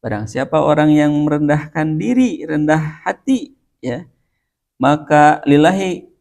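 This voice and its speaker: A middle-aged man with a Sundanese accent giving a sermon, reciting Arabic slowly and chuckling as he explains. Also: a little high, lively intonation, gravelly, darkish tone. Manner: mixes Arabic recitation with Indonesian, chuckles often. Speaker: preacher.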